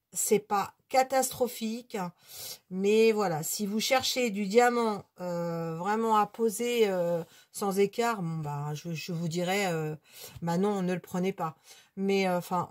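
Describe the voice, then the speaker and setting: At home on her own hobby channel, a woman gives a casual, unscripted product review. She talks in a chatty, hesitant way packed with fillers, using a mid-range voice.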